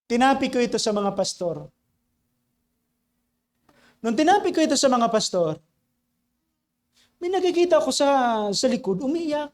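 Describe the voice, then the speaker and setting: A male pastor preaching a sermon. He switches between Tagalog and English mid-sentence and swings from loud exhortation to hushed storytelling. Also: very high voice, big pitch swings, moderate pace, long pauses.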